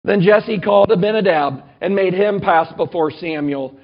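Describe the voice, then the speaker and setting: A male pastor giving a sermon and reading scripture aloud, earnest and measured, slowing down to stress key points. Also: high-pitched, vocal fry, lo-fi sound.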